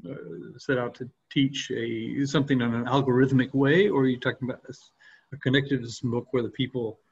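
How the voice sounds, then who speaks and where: An older man hosting a casual video-call discussion from a room at home, asking questions in a relaxed way with pauses to think. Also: mid-range voice, creaky, a little hiss or hum. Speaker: host of an open online discussion. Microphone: laptop webcam mic on a video call. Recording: dull, lo-fi video-call audio.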